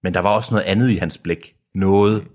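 Young guy, low voice, hamming up a steamy read-aloud and cracking up at himself. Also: steady tone, darkish tone. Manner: reads with exaggerated sensual delivery, breaking into laughter. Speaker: podcast co-host reading a novelization aloud. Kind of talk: comic dramatic reading with asides.

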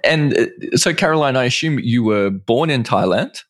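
A man's voice: medium pitch, expressive, moderate pace, dry recording. A man hosting a business interview, asking questions in an affable, encouraging way. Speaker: interviewer, podcast host. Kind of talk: conversational interview.

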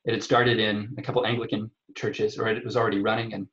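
Lowish guy as podcast guest, chatty but halting, echoey room, bit muffled. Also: little pitch movement, a bit bright. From Omaha area, Nebraska. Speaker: podcast guest, parish evangelization coordinator. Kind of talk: conversational personal testimony. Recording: slightly dull, roomy sound.

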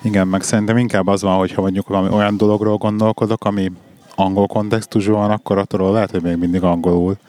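A man's voice: on the low side, level tone, darkish tone. A man hosting a podcast in an informal, conversational way, repeating and restarting his phrases. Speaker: podcast host. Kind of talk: casual conversational interview.

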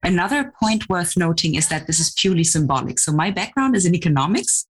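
A middle-aged woman professor, a podcast guest, explaining her research in an articulate, measured way. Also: on the low side, lively intonation, husky.

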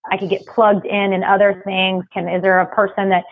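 A woman from the Philippines, raised in Texas, talking quickly and chattily as an interview guest, laughing often. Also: mid-range voice, flat delivery, dry recording, phone-quality sound. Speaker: guest, business services rep. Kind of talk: casual interview.

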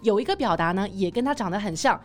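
A woman's voice: medium pitch, animated, quick pace, faint music behind. A woman co-hosting a podcast lesson, explaining English words in a bilingual teaching chat and spelling them out letter by letter.

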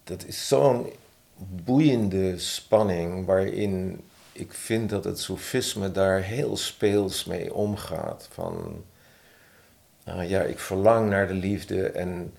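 A man, a podcast guest who is a publisher and poet, talking thoughtfully and reading his own poem slowly. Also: low-pitched, gravelly. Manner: slow, thoughtful, reads his own poem softly and deliberately. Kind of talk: conversational interview with a slow poetry reading.

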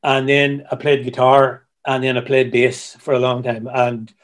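Guy on a video call, keeps stumbling over his words, mid pitch. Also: monotone. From Ireland. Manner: halting, repeats words, storytelling. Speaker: guest musician. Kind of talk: casual interview chat.

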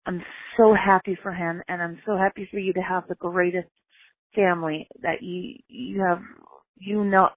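Woman, voicemail caller over a narrow phone line, effusive and repetitive, mid-pitched, dry. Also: no room sound. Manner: gushing, repetitive praise with frequent restarts. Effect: heard over a phone line. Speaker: friend leaving a voicemail. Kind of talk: heartfelt voicemail message.

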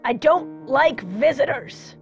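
Woman putting on a grumpy, raspy old man, raised pitch. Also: expressive, slow pace, lo-fi sound, full character voice. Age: older. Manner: curt, grouchy. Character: grumpy, reclusive old man, village gardener and herbalist. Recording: music under the voice.

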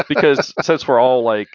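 A man's voice: mid-range voice, big pitch swings, a little mellow, lo-fi sound. A man in his forties hosting a casual podcast chat, often stumbling and repeating words. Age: 40s. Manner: halting, repeats words while restarting. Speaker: podcast host.

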